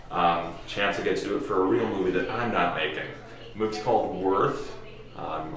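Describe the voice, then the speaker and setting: A man chatting casually to his camera as an actor vlogging from a film set, joking and swearing as he rambles. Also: low-pitched. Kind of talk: casual vlog chat to camera. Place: indoors, closet and hotel rooms on set. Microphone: action camera held by himself. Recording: echoey small rooms, busy crowd noise.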